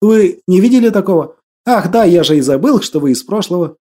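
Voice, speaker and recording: A man voicing a gentle, earnest young man who patiently explains things. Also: high voice, expressive, brisk.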